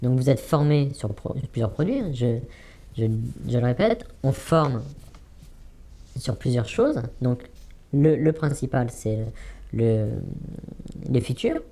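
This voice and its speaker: Man in his 40s, anonymous witness, halting delivery, warm dark tone, repeats himself for emphasis. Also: medium pitch, big pitch swings. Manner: hesitant, many fillers, repeats words for emphasis. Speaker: anonymous former trading student giving testimony. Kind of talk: interview testimony.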